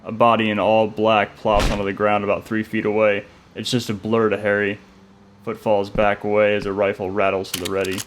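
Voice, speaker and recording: A man narrating a story in a steady, measured delivery. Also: fairly low pitch.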